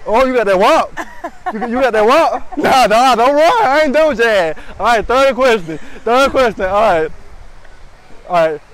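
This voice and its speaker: A man's voice: very high-pitched, expressive, normal speed, a bit bright, rough recording. A young man hosting playful, teasing outdoor street interviews, asking cheeky questions in slangy casual talk with a handheld mic. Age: young adult.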